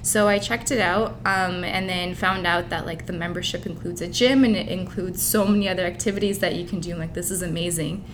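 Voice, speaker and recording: A young adult woman raised in Canada and Dubai chats informally and openly as an interview guest, speaking briskly with a steady tone and few pauses. Clear background rumbling noise runs through the recording.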